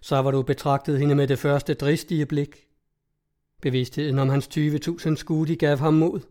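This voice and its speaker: A man narrates an old storybook in a measured, even reading voice. His tone is mellow and dark while sitting slightly high. The delivery stays steady and unhurried. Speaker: audiobook narrator.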